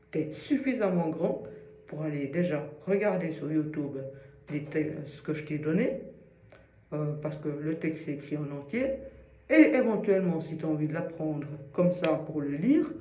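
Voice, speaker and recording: Man, singing teacher, patient explanations, unhurried delivery, echoey room. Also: on the high side, mellow. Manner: explains patiently with everyday comparisons. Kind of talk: informal voice lesson addressed to one student.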